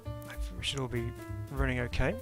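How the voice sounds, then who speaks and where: A man's voice: medium pitch, level tone, brisk. A man streaming a sim race and commenting as he drives, in a chatty, upbeat way with many fillers. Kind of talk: live-stream commentary while racing. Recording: jazz music playing behind.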